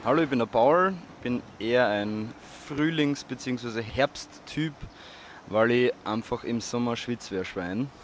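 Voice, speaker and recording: Male passer-by, medium pitch, easygoing vox-pop, light traffic noise. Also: measured pace. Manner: casual, self-mocking. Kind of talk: street interview.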